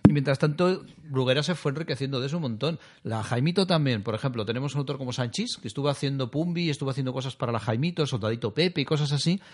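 A man's voice: mid-range voice, fast talker, few pauses. Chatty man talking comics. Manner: nostalgic, chatty, laughs often. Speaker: comics podcast co-host. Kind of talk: casual chat.

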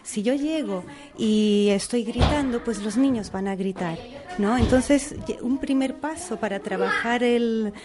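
A woman's voice: on the high side, a little slow, over music. Woman teacher. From Portugal. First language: Portuguese. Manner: thoughtful, searching for words. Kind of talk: explanatory interview answers.

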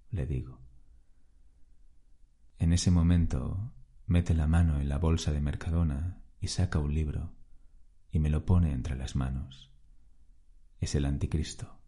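A man, calmly narrating a first-person story as a podcast host. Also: a bass voice, slow pace, pauses often.

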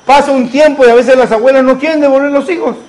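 A man's voice: very high-pitched, fairly even intonation, fast, a little mellow, poor audio. A man, preaching a sermon as a pastor and asking the congregation rhetorical questions.

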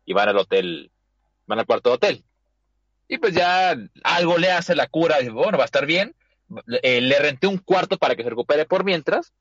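Man, animated storyteller, lively pitch, husky voice, dry muffled recording. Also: normal speed, dry recording. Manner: animated storytelling, acting out characters' lines. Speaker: podcast host. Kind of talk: casual chat recapping an anime episode.

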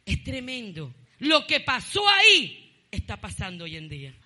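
A woman pastor delivers a fervent sermon in a bright, forceful voice. She punctuates her points with bursts of praise. At times she climbs into shouted emphasis. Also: fairly high pitch, huge pitch swings, a little slow. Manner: fervent preaching, often repeating "gloria a Dios", with shouted bursts.

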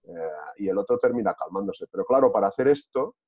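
Low husky man on a tinny line. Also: animated, fast. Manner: reflective, lots of hesitation fillers and restarts. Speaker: discussion participant. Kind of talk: casual group discussion.

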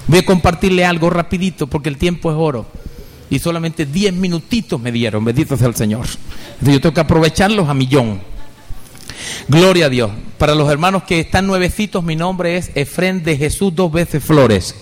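This middle-aged Venezuelan man, a pastor, preaches fervently and shares personal testimony, calling his listeners "brother" over and over. His voice sits on the high side at a normal pace, trailed by a long reverb.

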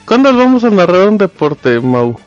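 A man's voice: high voice, very animated, moderate pace, lo-fi sound, faint music behind. A man with a Mexican accent co-hosting a live podcast, teasing his co-host in casual banter. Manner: teasing, playful.

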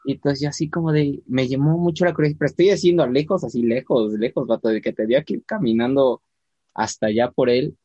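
A man's voice: medium pitch, slightly rough, dry recording. Man, casual storytelling, acts out voices, dry muffled lo-fi sound. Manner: animated storyteller, acts out quoted voices, slows down for emphasis. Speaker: church volunteer telling a testimony.

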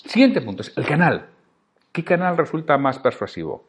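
A man's voice: a little high, big pitch swings, normal speed, breathy edge. A man with a Spanish accent hosting a solo podcast, speaking directly and emphatically to the listener as he teaches sales.

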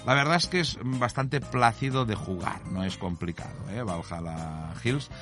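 A man from in relaxed, jokey chat as a co-host of a video game show. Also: fairly low pitch, normal speed, over music. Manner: relaxed, jokey, easily amused. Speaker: podcast co-host. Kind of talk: casual chat about video games.

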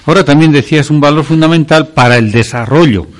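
A man hosting a religious talk program, asking questions and summing up points in a measured, thoughtful way with some hesitations. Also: a little high.

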